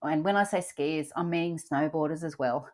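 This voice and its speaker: A woman's voice: low-pitched, moderate pace. Chatty Australian grandmother podcast host. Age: older. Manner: chatty, laughs often, many ums. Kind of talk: casual travel podcast chat.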